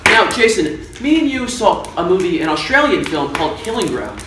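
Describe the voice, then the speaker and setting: Deadpan mock talk-show host, roomy sound. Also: male voice, high-pitched, normal speed. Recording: roomy, distant, noisy.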